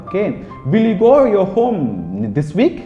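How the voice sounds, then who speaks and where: A man with a Telugu accent teaching spoken English, drilling phrases in rapid rhythmic lists. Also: high-pitched, dark tone. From India. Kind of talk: classroom English lesson. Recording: echoey room, dull sound, music behind.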